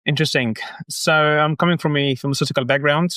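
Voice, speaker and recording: A man's voice: fairly high pitch, fairly even intonation, fast talker, sharp tone, no room sound. Earnest man from Egypt explaining business. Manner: earnest, explains step by step with many restarts. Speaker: guest, marketing agency founder. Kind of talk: casual podcast interview.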